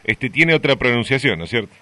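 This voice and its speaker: A man's voice: mid-range voice, animated, quick pace, sharp tone, dry recording. Chatty radio host, man. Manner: chatty, friendly questioning. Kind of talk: radio interview. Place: radio studio.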